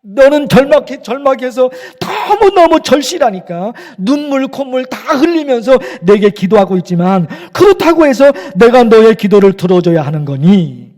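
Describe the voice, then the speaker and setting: A man's voice: very high-pitched, very animated, moderate pace, few pauses, darkish tone. A man voicing God questioning a believer who is praying, asking probing and demanding questions. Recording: echoey church hall.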